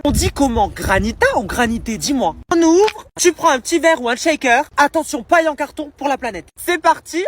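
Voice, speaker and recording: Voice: high-pitched, slight background noise. A vlogger from France talking to camera in a casual, dramatic, chatty way. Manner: expressive, dramatic reactions, chatty. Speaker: social media creator. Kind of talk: casual vlog narration to camera.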